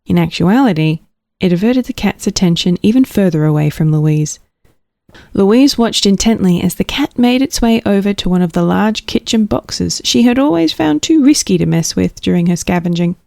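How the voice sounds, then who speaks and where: This storybook reader has a medium-pitched, warm, slightly creaky voice with lively intonation, and she keeps a normal speed. She reads to children playfully, lowering to a whisper for suspenseful moments, in a studio-quality recording free of room sound.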